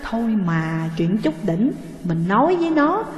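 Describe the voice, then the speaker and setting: A calm older mother speaks softly to smooth things over, as a woman reads her part. Her quiet voice carries a long roomy reverb. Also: fairly high pitch, unhurried. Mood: placating. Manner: soft, placating. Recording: echoey room with long reverb.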